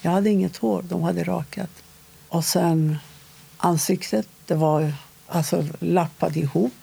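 A woman interviewee recounting a personal story in a halting, measured way, with short pauses. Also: fairly low pitch, fairly even intonation, vocal fry, mellow, husky.

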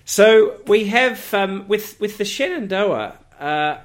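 A man co-hosting a radio show, interviewing a guest in a casual, halting way with many fillers. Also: high-pitched, lively intonation. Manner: hesitant, many fillers and restarts.

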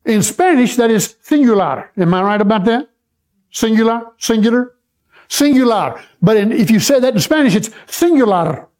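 A man preaching a sermon, teaching slowly and checking in with the congregation as he goes. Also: high voice, lively intonation, darkish tone. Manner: slow, repetitive, checks in with the congregation. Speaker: pastor.

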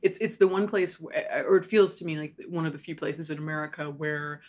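A woman's voice: deep voice, brisk, darkish tone. A young woman from Hawaii, an author being interviewed in a small hotel room, talking casually with wry, self-deprecating asides.

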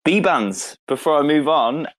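A man's voice: fairly high pitch, lively intonation, slow, no room sound. A man casually hosting an online audio chat in a chatty, laid-back way. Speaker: host.

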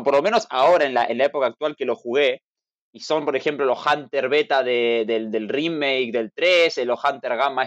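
A young man talks in a casual podcast, eager and rambling, stumbling over restarts. His voice sits at an ordinary pitch. The mic sounds dull and dry, with no room around it. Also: no room sound. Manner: excited, rambling with many restarts. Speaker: podcast guest.

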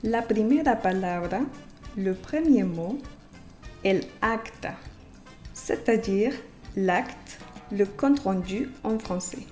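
Woman teaching spanish on a podcast, calm and clear, says each example word twice, faint music under her. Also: medium pitch. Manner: clear, careful, repeats words slowly for learners. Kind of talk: podcast lesson.

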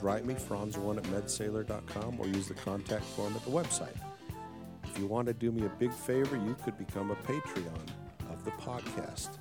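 A man hosting a podcast in a casual, conversational way, making announcements to his listeners. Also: fairly low pitch. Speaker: podcast host.

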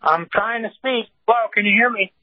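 A man's voice: high-pitched, a little fast, phone-quality sound. A man calling in to a radio show on a cell phone. His line keeps breaking up and cutting in and out, and he keeps asking if he can be heard. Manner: asks again and again if he can be heard. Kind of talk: phone call-in interview.

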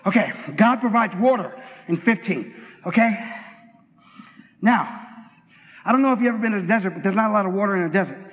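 A man preaching an energetic sermon in a church, talking fast and excitedly and acting out bits of dialogue. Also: sits high. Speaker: pastor. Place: church sanctuary. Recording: long hall reverb.

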